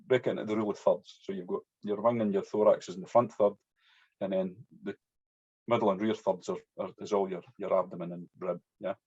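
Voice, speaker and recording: A man's voice: deep voice, fairly even intonation, a little fast, darkish tone, breathy edge. A man with a strong, broad Scottish accent, giving an informal hands-on demonstration as an instructor, chatty and often tagging his sentences with "yeah". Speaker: fly-tying instructor. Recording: dull, muffled lo-fi audio.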